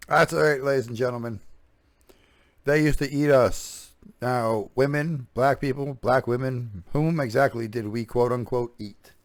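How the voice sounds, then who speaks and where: A man's voice: mid-range voice, fairly even intonation, measured pace, no room sound. A man giving a sarcastic, profane reaction commentary on a podcast clip, sounding exasperated.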